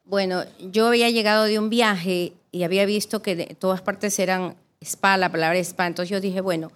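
A woman's voice: mid-range voice, fairly even intonation, moderate pace. A middle-aged woman who founded a spa, casually recalling her early years and thanking her clients. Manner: warm reminiscing, grateful.

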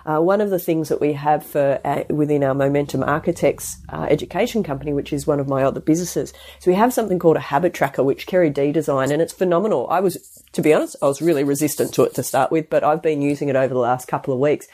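This podcast host, also a health practitioner, talks solo and casually despite a stuffy head cold, chatting and rambling with frequent restarts and asides. She has a deep, warm voice and a quick pace.

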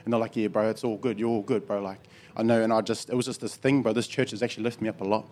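A man with a broad New Zealand accent gives an informal church testimony in slangy, colloquial, matey speech, often calling people "bro." His lowish, slightly mellow voice holds a steady tone and moves at a quick pace.

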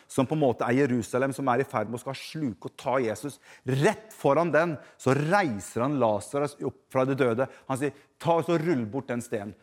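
A man preaching a sermon who addresses the congregation directly, swinging between loud emphasis and hushed passages. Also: medium pitch.

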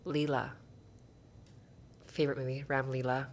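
A woman's voice: extremely low pitch, flat delivery, measured pace, a little hiss or hum. A woman from Canada, a bubbly guest who laughs often in a casual podcast interview.

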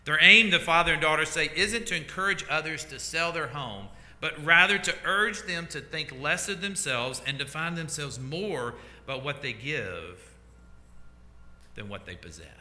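A man preaching a sermon as pastor, slow and deliberate, letting his voice fall to a hush at the ends of phrases. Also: fairly high pitch, animated. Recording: echoey church hall.

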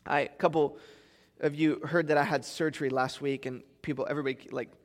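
A man preaching a sermon as pastor, telling stories with animated swings between loud emphasis and quiet asides. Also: on the high side, fairly quick, in a large hall.

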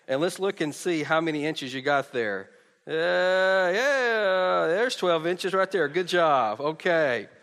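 A man's voice: fairly high pitch, fairly bright tone. Preacher man in an echoey hall. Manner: informal, stammering with repeated phrase starts. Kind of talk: conversational sermon to a congregation. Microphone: pulpit or stage microphone over PA. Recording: echoey hall with long reverb.

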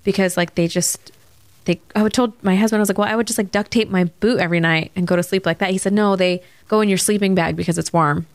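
A woman in her thirties chats on a casual podcast, animated and storytelling. Her voice sits at a middle pitch. The room is dry and close. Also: fast, no room sound. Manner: animated storyteller, jumps into high voices when quoting. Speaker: podcast co-host. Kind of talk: casual chat.

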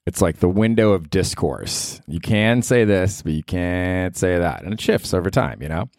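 A man's voice: deep voice, moderate pace, vocal fry, darkish tone, dry recording, studio quality. An American man hosting a solo comedy podcast in casual chat, profane, rambling and self-mocking. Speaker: podcast host.

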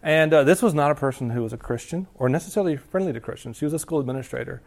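A man's voice: a little high, very fast. A man preaching a sermon in a casual, conversational way, often slipping into quoted lines. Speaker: pastor.

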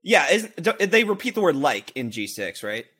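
Excitable young man with a high, bright voice. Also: normal speed, slightly rough. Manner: rambling, excitable, swears, bursts into shouted quotes. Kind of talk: casual chat.

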